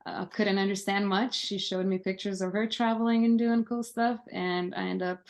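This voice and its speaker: A Lithuanian woman in her thirties, a native Lithuanian speaker and Army veteran, tells her story as a guest in a casual video-call interview from her home office. She speaks at a moderate pace in a medium-pitched voice, steadily, though with many fillers and restarts.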